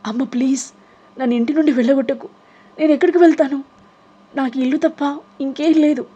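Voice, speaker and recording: A heartbroken young woman pleads through her tears, her voice pushed high and strained, as a woman reads her part. Her voice has an odd, altered edge to it. An audio novel reading. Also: steady tone, a little fast, warm tone, highs cut off, natural voice. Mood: sobbing, pleading. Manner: tearful pleading. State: crying.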